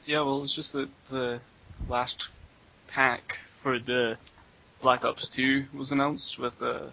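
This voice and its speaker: A man's voice: mid-range voice, level tone, slow, creaky, slight background noise. A man co-hosting a podcast in casual chat, joking and offhand. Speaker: podcast co-host. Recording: muffled lo-fi audio.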